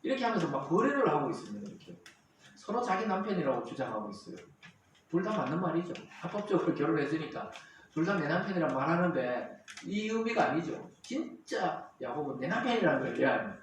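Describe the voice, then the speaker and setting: A man preaches in a lively, rising and falling voice pitched somewhat high. He is heard from a distance in a very echoey church hall with faint noise. He acts out the quarrels in character voices. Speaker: pastor. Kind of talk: sermon. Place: church sanctuary.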